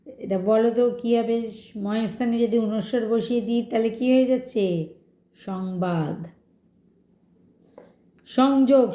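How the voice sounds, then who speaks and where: A woman's voice: mid-range voice, dark tone, roomy sound. A woman teacher giving a grammar lesson, patiently asking her students questions and working through examples.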